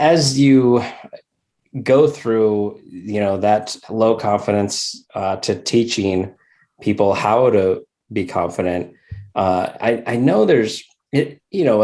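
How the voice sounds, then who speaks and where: A podcast co-host with a lowish, slightly mellow voice introduces a guest for an interview, stumbling through asides and then asking questions.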